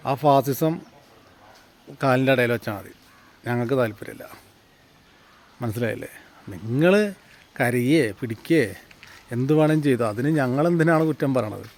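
A man's voice: mid-range voice, a little mellow. A man, giving a combative vlog monologue full of rhetorical questions and heated peaks. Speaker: vlogger. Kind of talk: angry political monologue to camera.

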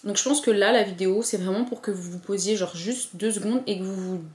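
A woman's voice: mid-range voice, brisk, darkish tone, echoey room. A woman vlogger talking casually to camera, chatty and encouraging, with frequent fillers. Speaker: lifestyle vlogger. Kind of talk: casual motivational chat to camera.

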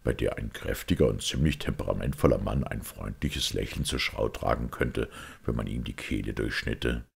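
A male reader voices a shrewd, pensive priest detective in an audiobook, using an exaggerated, extremely deep, gravelly, and very husky voice. He lays out his deductions calmly and deliberately, with a knowing mood.

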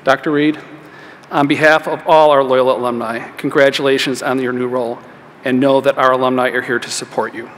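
A man's voice: mid-range voice, little pitch movement, brisk. A man in his fifties reading prepared remarks in a formal podium speech. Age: 50s. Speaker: alumni board president. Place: stage of a large auditorium. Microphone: podium microphone. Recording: hall reverb, faint background noise.

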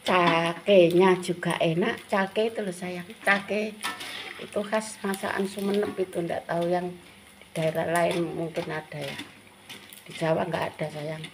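In a home cooking vlog, an older woman with a Javanese accent chats casually with viewers while frying crackers in her kitchen, affectionately calling them "dear" again and again. Her voice is lowish and steady, with a measured pace. It was filmed on a home phone, with background noise.

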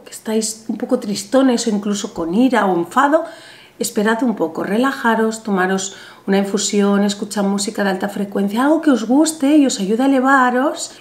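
Seated at a table in a small, bright room, a ritual instructor in her thirties with a Spain Spanish accent explains a ritual to camera step by step in a chatty, animated way. Her pitch is fairly high, and the room sounds roomy and echoey.

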